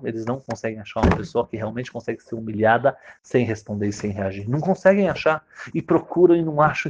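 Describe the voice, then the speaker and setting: A man giving a sermon, telling stories and acting out the voices in them with sudden loud, high cries. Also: a little hiss or hum. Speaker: religious teacher. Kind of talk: sermon with storytelling. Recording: dull lo-fi recording.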